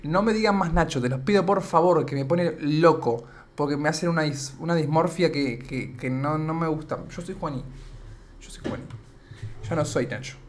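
A man's voice: on the high side, moderate pace, a little hiss or hum. A young man with an Argentine accent, chatting casually on a live stream and reading comments aloud, his voice a bit worn out. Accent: Argentine Spanish. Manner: chatty, rambling, reads chat aloud.

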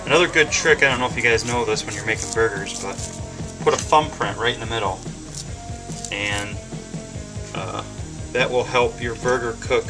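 A man's voice: medium pitch, normal speed, pauses often, music in the background, poor audio. A man in his thirties talking casually to a webcam while cooking in his home kitchen, rambling with lots of ums and swearing freely. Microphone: webcam camera mic.

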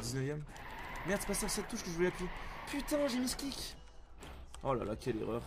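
A man streaming live gameplay, commenting excitably, often swearing and yelling at the game. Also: high voice, a little fast, noisy background.

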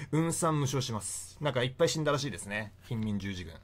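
Man in his young adult years, relaxed and talkative as a history explainer, lively up-and-down delivery. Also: medium pitch, a little fast. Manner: chatty, laughs often between points. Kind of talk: casual history lecture.

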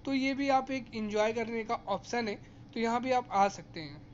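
A man's voice: very high-pitched, normal speed, lo-fi sound, a little hiss or hum. A man casually narrating a tour vlog through a large indoor shopping mall, chatting to viewers as guys and explaining prices and offers. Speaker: vlogger.

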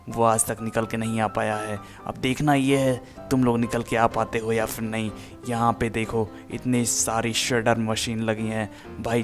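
A man's voice: lowish voice, close to an everyday voice. A man voicing a confident game hero, narrating a stunt challenge in a teasing way. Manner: taunting, showy narration. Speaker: gameplay voiceover narrator. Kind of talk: game voiceover role-play.

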